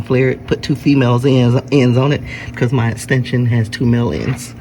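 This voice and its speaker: A man with a mid-pitched voice narrates a do-it-yourself car repair. He is casual and plain-spoken, going through the work step by step, and there is clear workshop noise behind him. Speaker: DIY car repair vlogger. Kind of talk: casual hands-on narration to camera. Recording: noisy workshop with vehicle-like background noise.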